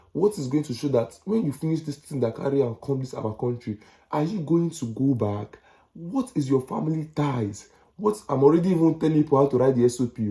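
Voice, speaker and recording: A young Nigerian man with a Nigerian accent and a mellow, mid-range voice gives casual advice as a vlogger. He's chatty and repetitive, with slangy asides.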